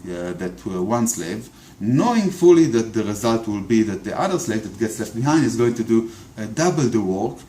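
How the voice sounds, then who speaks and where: A video commentator with an Israeli accent delivers an unscripted political monologue, arguing off the cuff and often stumbling over repeated words and fillers. His voice is fairly low and warm, and the recording sounds echoey.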